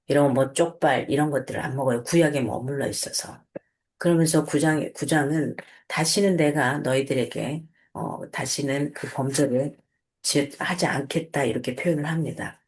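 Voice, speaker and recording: A woman with a notably low-pitched voice reads scripture aloud and then talks it through. Her teaching is relaxed and conversational, full of small fillers and self-corrections. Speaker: host, Bible teacher. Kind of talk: Bible reading and casual explanatory teaching.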